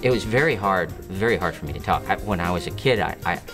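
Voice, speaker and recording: A man with a fairly low voice tells stories in an interview. He stops and restarts often and leans on lots of fillers. Music plays clearly behind him. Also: lively intonation. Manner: halting, with many restarts and fillers. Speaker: harmonica player and singer interviewed. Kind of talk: interview storytelling.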